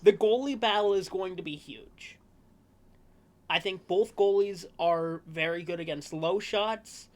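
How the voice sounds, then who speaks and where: A man hosting a casual sports preview podcast, talking in a relaxed, rambling way with fillers and self-corrections. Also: sits high, measured pace. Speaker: podcast host.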